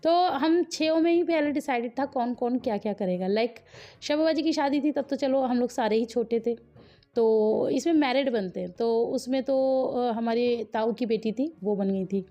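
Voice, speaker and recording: A woman's voice: fairly high pitch, moderate pace, dark tone, muffled recording. A woman vlogger in a chatty voice-over, talking straight to her viewers and quizzing them as she narrates family wedding footage.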